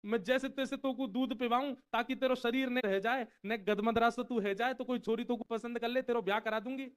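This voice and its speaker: A man's voice: extremely high pitch, steady tone, brisk, smooth, pitched above the performer's own voice. A man voicing a patient village mother with a Braj accent, coaxing and soothing her child. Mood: scolding.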